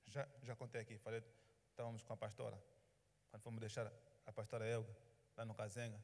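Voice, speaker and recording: A man's voice: fairly low pitch, quick pace. A male pastor, telling a story in a sermon and acting out the dialogue. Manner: animated storyteller, acts out dialogue. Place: church hall. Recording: reverberant church hall.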